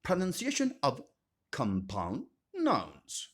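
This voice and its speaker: Guy teaching english grammar super slow, voice swings way up and down, repeats every word twice. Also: mid-range voice, wildly swooping pitch, slightly rough. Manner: slow and deliberate, repeats each term with strong stress. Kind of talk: scripted grammar lesson narration.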